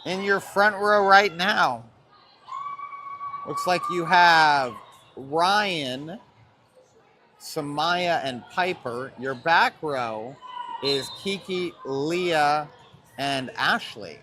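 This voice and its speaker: The play-by-play announcer for this high school volleyball stream has a slightly high, sharp-toned, expressive voice, drawing out words and pausing often. He chats cheerfully, calling plays by player names and numbers, with noisy gym audio behind him.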